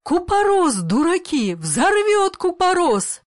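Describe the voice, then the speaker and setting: A woman voicing a stern old grandmother who pleads in a hush and shouts firm orders, in a dry storybook reading. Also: on the high side, animated, measured pace, no echo. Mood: shouting orders. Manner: whispering pleas, then firm shouted commands. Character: old grandmother, fearless yet afraid of cockroaches.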